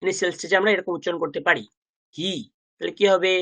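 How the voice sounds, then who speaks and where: A man teaching a Sanskrit class. He asks the learners questions, then says each pronunciation slowly and repeats it several times. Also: high-pitched, fairly even intonation, fairly bright tone. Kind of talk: language class lesson.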